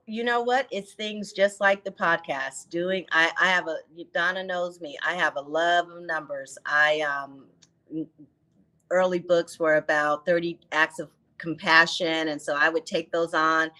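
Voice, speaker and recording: A woman in her fifties, a podcast guest, talking animatedly and acting out quotes as she tells stories. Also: on the low side. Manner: animated storyteller, acts out quotes, laughs. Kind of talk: casual interview chat.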